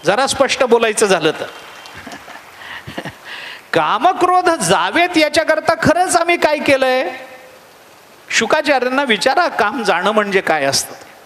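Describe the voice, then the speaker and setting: High-voiced man telling a story in a reverberant hall. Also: sing-song, unhurried, pauses often, fairly bright tone. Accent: Marathi. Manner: humorous storyteller acting out characters' voices. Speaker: spiritual discourse speaker. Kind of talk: Marathi devotional discourse with storytelling.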